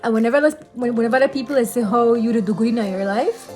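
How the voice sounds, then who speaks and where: A woman's voice: a little high, quick pace, darkish tone, soft background music. A woman in her late thirties with a Belizean Creole accent, talking casually and earnestly, repeating phrases for emphasis as she offers encouragement. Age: late 30s. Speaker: vlogger giving faith advice. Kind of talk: casual talk to camera with spiritual encouragement.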